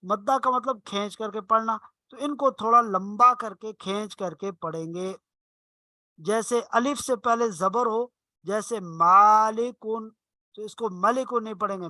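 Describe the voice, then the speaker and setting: Explaining Arabic rules one step at a time in an online class, a man patiently stretches his example words out slowly. He has a high, sharp-toned voice, and there's no room sound.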